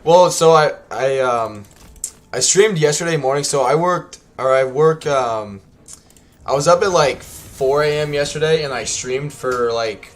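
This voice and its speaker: A young man streams a strategy game, chatting casually with lots of ums and restarts. His slightly high voice is unhurried and scratchy, worn tired from a long day.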